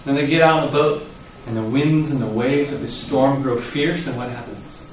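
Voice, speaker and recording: A man preaching a sermon, telling the story vividly and acting out the quoted lines with sudden loud rises. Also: medium pitch, normal speed. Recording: echoey hall, voice from far off.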